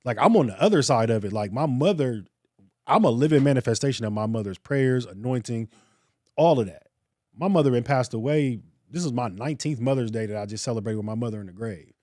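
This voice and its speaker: An earnest man talks on a podcast with a preacher's lilt. His voice sits at a middle pitch, recorded close and dry. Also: fairly quick, no room sound. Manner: earnest, preacherly, animated storytelling. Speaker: podcast co-host. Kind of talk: casual podcast discussion.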